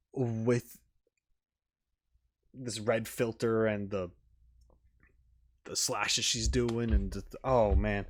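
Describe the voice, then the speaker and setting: A YouTube reaction host with a lowish voice gives casual, off-the-cuff commentary, rambling and repeating words as he thinks aloud. The sound is clean studio audio with no echo.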